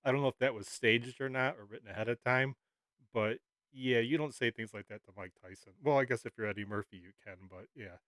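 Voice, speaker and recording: A man hosting a reaction video, giving casual, halting commentary full of filler words. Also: mid-range voice, a bit bright. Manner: hesitant, many "uh"s.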